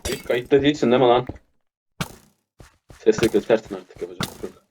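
A man's voice: mid-range voice, fast talker, noisy background. Swearing, frustrated young gamer man. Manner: swears constantly, frustrated outbursts and shouting. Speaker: gamer streamer. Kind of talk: casual gameplay chat with teammate.

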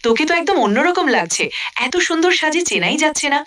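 A woman's voice: high voice, sing-song, crowd noise, pitched above the performer's own voice. Teasing young woman, read by a female narrator. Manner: teasing, quick to take offense. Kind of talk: scripted narration.

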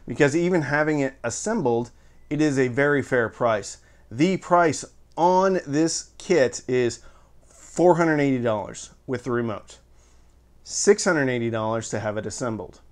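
A man hosting his own channel, casually reviewing audio equipment with joking asides and step-by-step explanations. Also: mid-range voice. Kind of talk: casual product review to camera.

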